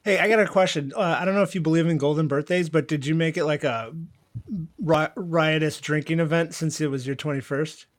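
A man co-hosting a casual podcast, upbeat and quick to joke. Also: on the high side. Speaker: podcast co-host. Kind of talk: casual group chat.

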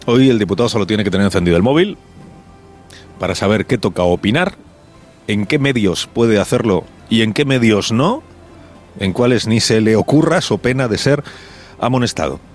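A man's voice: on the low side, animated, normal speed, pauses often, soft background music. A male radio host gives a reflective, ironic opinion monologue, with fillers and restarts, on location at a parliament building.

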